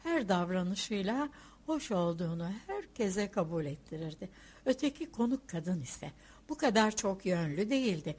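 A woman narrating a literary audiobook in a measured, expressive reading voice. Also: medium pitch, slightly rough. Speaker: audiobook reader.

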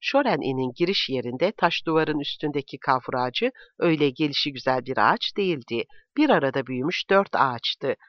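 A man reading a novel aloud as narrator in a steady, measured way. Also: medium pitch, no echo. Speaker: audiobook reader. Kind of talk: scripted narration. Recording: dull, dry recording.

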